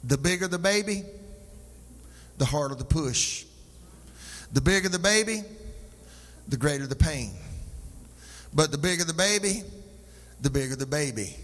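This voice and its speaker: A man's voice: on the high side, lively intonation, a little slow, pauses often, fairly bright tone, long reverb tail. A male pastor preaching a sermon, calling out to the congregation for response and sliding into a sung, rhythmic cadence. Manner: call-and-response, sing-song preaching cadence.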